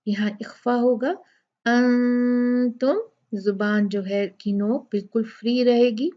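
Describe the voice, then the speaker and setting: A woman teaches recitation in a slow, unhurried way, going over each rule patiently with repeated examples. Her voice sits fairly high. The recording is dull and lo-fi. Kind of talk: tajweed lesson.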